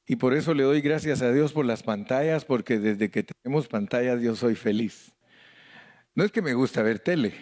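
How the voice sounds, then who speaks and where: Mexican-accented male pastor, middle-aged, folksy Bible teacher who jokes and mimics voices, mid pitch. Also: a little mellow. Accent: Mexican Spanish. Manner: folksy and joking, mimics voices, calls out to the congregation. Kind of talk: Bible study sermon.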